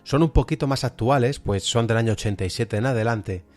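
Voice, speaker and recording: Music runs under a fairly quick, mid-range male voice with a darkish tone. The speaker, who has an accent from Spain, is enthusiastically reviewing radio drama for a podcast in a semi-scripted way.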